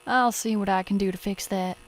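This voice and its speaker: A woman voicing a gentle, weary former nurse in a cartoon fan dub, measured, long-suffering and kindly. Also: mid-range voice, fairly even intonation, lightly acted. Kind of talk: animated fan dub acting.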